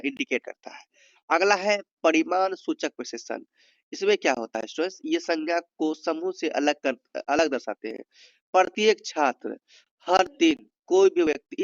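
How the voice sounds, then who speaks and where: A man's voice: fairly high pitch, no room sound. Man teaching an exam lesson, muffled. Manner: explains step by step, asks students questions. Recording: dull, muffled sound.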